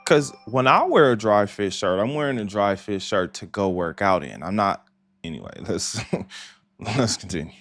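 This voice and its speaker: A man's voice: fairly low pitch, animated, normal speed, a bit bright, soft background music. A man hosting a reaction channel, commenting with incredulous, scolding remarks and laughing asides.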